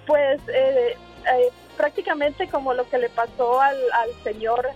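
A woman's voice: sits high, fairly even intonation, a little slow, faint music behind. Woman on a tinny phone line. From Honduras. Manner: hesitant, many fillers. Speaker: caller. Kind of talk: telling a personal story on a call-in show. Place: in a moving car.

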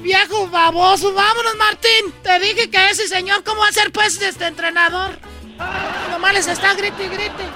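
A man's voice: extremely high pitch, fairly even intonation, moderate pace, bright, forceful tone, soft background music, voice pushed up, exaggerated voice. A man voicing an indignant mother who scolds a coach. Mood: scolding.

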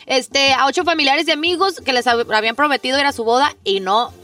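A woman's voice: sits high, quick pace, pushed and bright, no room sound, far from the mic. A woman co-hosting a radio show, chatty and informal as she tells a news story. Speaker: radio co-host. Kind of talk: casual radio chat.

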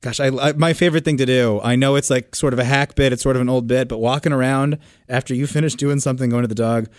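A man's voice: medium pitch, fairly even intonation, fast talker, no echo, studio quality. A man co-hosting a casual comedy podcast, chatty and self-deprecating. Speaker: podcast co-host. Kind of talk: casual chat.

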